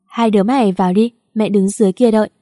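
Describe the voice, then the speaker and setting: A woman reads as a brusque, sharp-tongued mother-in-law in a storybook reading. The speech comes out blunt and mellow, and the recording is dry and close. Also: mid-range voice, steady tone, quick pace, no echo, natural voice. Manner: blunt and curt.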